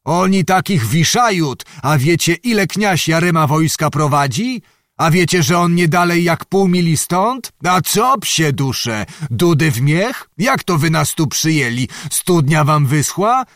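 A man's voice: fairly high pitch, sing-song, a little slow, fairly bright tone, no echo, clean studio sound, voice pushed up, heavily acted. A man voicing a boastful, cunning old nobleman who blusters and commands, reading a storybook. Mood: blustering.

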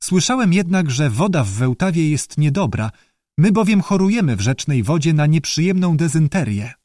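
A man's voice: fairly high pitch, big pitch swings, normal speed, a little mellow, no room sound, studio quality, voice pushed up. A man voicing a courteous, bookish male newt who speaks earnestly and formally in an audiobook. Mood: polite, earnest. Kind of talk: audiobook character voice.

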